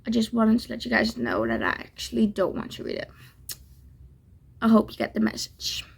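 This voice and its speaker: A woman's voice: a little high, very animated, normal speed, vocal fry, slight background noise. A woman chatting casually to her viewers in a reading vlog, gushing and repeating herself to reassure them. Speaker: book vlogger.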